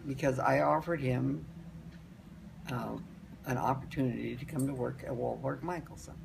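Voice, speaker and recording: Older woman with a creaky voice, reminiscing. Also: rumbling low, noisy background. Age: older, grandmother. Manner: halting, rambling, repeats phrases for emphasis. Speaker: grandmother telling family stories. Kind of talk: casual family reminiscing.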